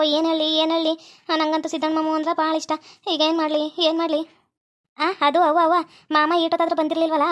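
A woman with a North Karnataka Kannada accent voicing a shy young woman in a cartoon, in love and bashful. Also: high voice. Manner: excited, giggly shyness. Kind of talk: hobby cartoon voice acting.

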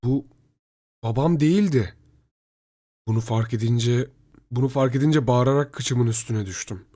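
A man reading a first-person horror story aloud in a hushed, grave manner. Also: mid-range voice, unhurried. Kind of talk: scripted horror narration.

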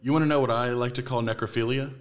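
A man's voice: mid-range voice, steady tone, fast. A young man telling crude, smutty jokes in casual banter. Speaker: joke teller.

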